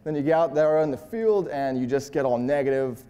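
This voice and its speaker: Blunt, profane man with a dark voice. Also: mid-range voice, lively intonation, fairly quick, smooth, big-room sound. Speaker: dating coach. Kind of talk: casual seminar talk.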